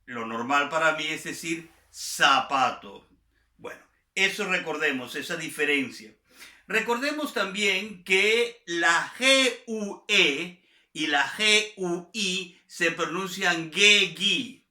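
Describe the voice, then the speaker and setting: A man with a Venezuelan Spanish accent gives a slow, careful grammar review, repeating and spelling out example words. His voice sits high and sounds very bright. The room around him is echoey. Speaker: Spanish teacher.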